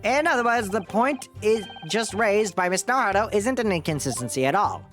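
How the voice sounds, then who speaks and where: Man putting on an excitable, pompous professor, pitched way up. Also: brisk, soft background music. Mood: pompous, earnest. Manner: pompous, fussy, stammering when flustered. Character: excitable, self-important male scientist professor in a game. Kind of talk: video game dialogue read aloud.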